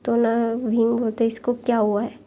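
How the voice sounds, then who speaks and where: A woman's voice: a little high, little pitch movement, moderate pace, warm tone. A woman casually retelling a fan-fiction story, narrating the dialogue with frequent fillers and restarts and the odd whispered line.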